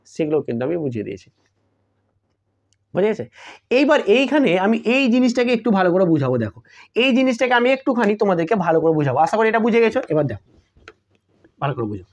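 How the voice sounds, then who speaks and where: Math tutor, man with a high voice, patient step-by-step explainer, dull lo-fi recording. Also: darkish tone. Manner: explains step by step, repeats key terms, checks "got it?" often. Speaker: math teacher. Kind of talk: online exam-prep math lesson.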